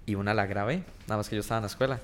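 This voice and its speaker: A man's voice: on the low side, steady tone, rapid-fire. A Costa Rican man in his twenties, a guest chatting casually on a podcast in a joking, slangy way. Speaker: guest, content creator.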